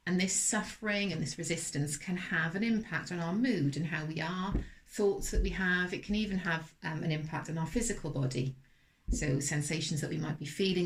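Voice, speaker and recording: Soft-spoken woman guiding a meditation. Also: lowish voice. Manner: gentle, unhurried, with soft fillers. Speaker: mindfulness and yoga teacher. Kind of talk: guided meditation talk.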